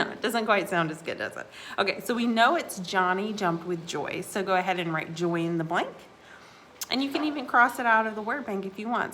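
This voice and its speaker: A woman teaching a recorded lesson to second graders, patient and encouraging. She sounds out words slowly so small children can follow along, and her pitch sits in the middle. A faint hiss of background noise lies under her voice. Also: a bit bright. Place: indoors, hanging out away from classroom.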